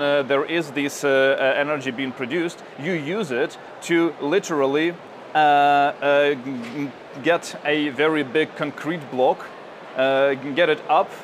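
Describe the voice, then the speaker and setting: Speaking in a fairly high voice over background noise, this man is a Ukrainian tech journalist in his thirties being interviewed at a conference. His answers are hesitant, full of fillers and restarts.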